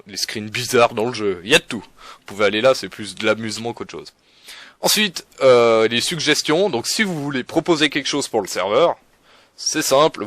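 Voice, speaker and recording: A young man talks through a game forum in a loose, rambling way, stumbling over words and poking fun at himself. His voice sits fairly low. The sound is dry and close, with no room around it. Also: a bit bright, dry recording. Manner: rambling, self-mocking, many fillers and restarts. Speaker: forum guide presenter. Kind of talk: casual screen-recorded walkthrough.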